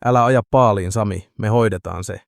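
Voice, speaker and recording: A man's voice: on the low side, creaky, no echo, clean studio sound. A man voicing a swaggering, boozy middle-aged drunk in an audiobook. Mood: cocky. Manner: cocky, swaggering.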